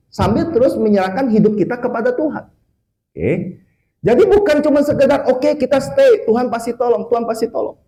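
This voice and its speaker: Lively, high-voiced male preacher. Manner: lively, conversational, frequent "oke" and "ya" tags, mixes in English words. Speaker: evangelist preacher. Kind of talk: sermon. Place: office worship service.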